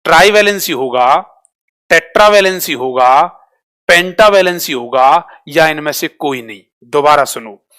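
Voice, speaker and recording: Guy teaching online, keeps asking the same question over n over, bit high voice. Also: expressive, bright, forceful tone. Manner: drills students with repeated quick questions; switches between Hindi and English terms. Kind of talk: live online class quiz.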